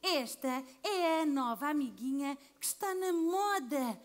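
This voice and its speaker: Performing for kids on an outdoor stage, a woman entertainer talks in an exaggerated, sing-song manner. Her voice is high-pitched and animated but unhurried, suiting the playful show.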